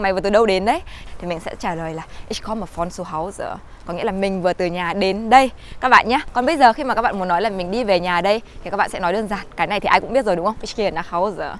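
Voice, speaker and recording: A young woman from Vietnam teaching German in a casual vlog, chatting to viewers and slowing down to say each example sentence. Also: mid-range voice, slight background noise. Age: young adult. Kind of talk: casual language lesson vlog.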